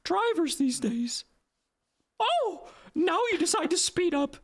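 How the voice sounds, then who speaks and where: A voice actor putting on a foul-mouthed cartoon mouse with road rage, in a squeaky falsetto, ranting with exasperated sarcasm and drawn-out words. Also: big pitch swings, heavily acted. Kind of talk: cartoon character parody.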